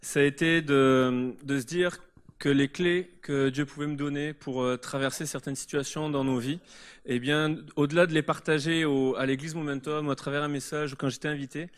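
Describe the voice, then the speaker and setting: A man answers questions as a guest author during a church service. His voice is on the higher side for a man, and he explains his thoughts earnestly and reflectively in front of the congregation. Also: steady tone, normal speed. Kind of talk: live church interview.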